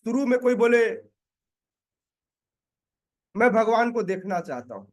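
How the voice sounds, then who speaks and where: A man preaching a scripture class, explaining slowly with many pauses and asking his listeners rhetorical questions to check that they follow. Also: sits high. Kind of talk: devotional scripture lecture.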